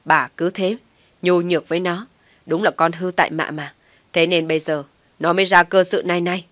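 A woman voicing a furious elderly father who shouts harsh insults at his son in a storybook reading. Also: fairly low pitch, fairly even intonation, fairly quick, dry recording, close to an everyday voice. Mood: angry scolding.

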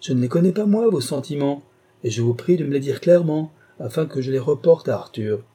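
A man's voice: medium pitch, lively intonation, moderate pace, dark tone, breathy edge. A man reading an audiobook who voices an irascible, pompous older uncle in an overbearing, indignant manner.

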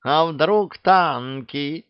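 A man's voice: medium pitch, takes it slowly, clear, resonant tone, dry recording, close to an everyday voice. A man doing a whiny, greedy talking cat. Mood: indignant. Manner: indignant, whiny and wheedling. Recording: dry, dull lo-fi recording.

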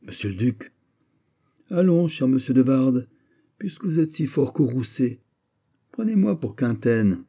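A man voicing a proud, menacing English duke who speaks forcefully and challengingly, in a storybook reading. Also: on the low side, lightly acted.

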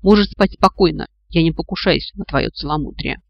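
A man voicing a feisty, sharp-tongued young woman who scolds and mocks her companions, in a storybook reading. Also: fairly high pitch, brisk, creaky, lo-fi sound. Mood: scolding. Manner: sarcastic, exasperated, scolding.

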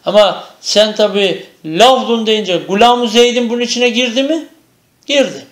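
High-voiced male grammar teacher, echoey room. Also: moderate pace. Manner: asks questions and answers them himself. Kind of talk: traditional madrasa-style grammar lecture.

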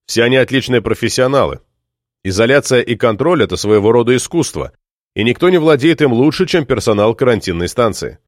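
A man's voice: mid-range voice, lively intonation, brisk, dry recording, studio quality, close to an everyday voice. A man voicing a stern, curt male doctor who speaks dismissively.

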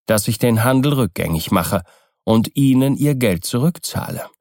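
A man's voice: medium pitch, lively intonation, darkish tone, no room sound, clean studio sound, lightly acted. A man voicing a sly, persuasive older seller in an audiobook reading. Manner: smooth, persuasive, measured explaining. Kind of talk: audiobook character voice.

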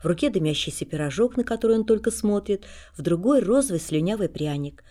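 Woman, audiobook narrator, calm and even, mellow warm tone. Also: mid-range voice, fast. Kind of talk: scripted narration.

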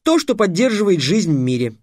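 A man voicing an excitable clever boy apprentice who talks high and agitated. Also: a little fast, no echo, clean studio sound. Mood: excited.

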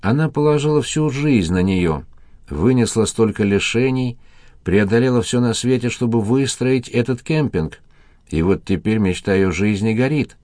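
A man narrating an audiobook in a steady, even reading voice. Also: medium pitch, moderate pace, no echo. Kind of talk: scripted narration.

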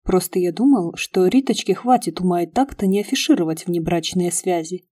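A woman reading the lines of a courteous, sad middle-aged man in an audiobook, soft and wistful. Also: fairly low pitch, expressive, a little fast. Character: polite, sad middle-aged male restaurateur.

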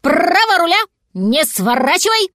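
Casual: woman playing a pushy dog coach, barks out pep talk, fairly high voice. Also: big pitch swings, slow, no echo, studio quality, full character voice. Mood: shouting. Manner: emphatic, exclamatory. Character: bossy male dachshund coach, brisk and encouraging.

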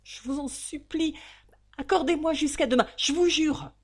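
A woman voicing a poor, desperate young woman who pleads in a high, trembling voice. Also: normal speed. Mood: pleading.

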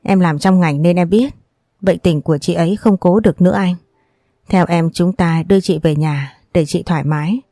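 A woman voicing a practical middle-aged woman who works in health care, softly persuading a relative. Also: on the low side, moderate pace, no echo, clean studio sound. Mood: coaxing. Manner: soft, persuasive.

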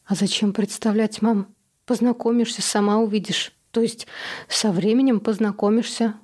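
A woman's voice: mid-range voice, steady tone, moderate pace, a little mellow, close to an everyday voice. A woman voicing a patient but exasperated young adult daughter who talks in a weary, reasoning tone.

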